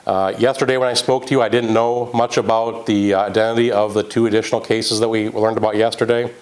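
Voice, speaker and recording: A man delivers a public health update as a county health official. His voice sits slightly low, and he speaks in a measured, earnest way. Occasional fillers break up the briefing. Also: little pitch movement, darkish tone, poor audio.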